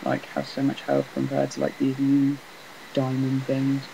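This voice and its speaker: A man casually rambling through commentary on a game he is playing, talking in a flat, self-deprecating way on a laptop mic. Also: mid-range voice, measured pace, gravelly, noisy background. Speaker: gameplay commentator.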